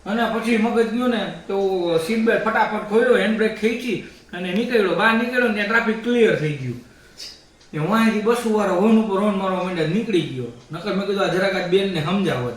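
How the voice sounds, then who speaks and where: A man's voice: high voice, fast talker. A man casually telling a story on a family vlog, acting out what others said. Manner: animated retelling with acted-out quotes. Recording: very echoey room, distant mic.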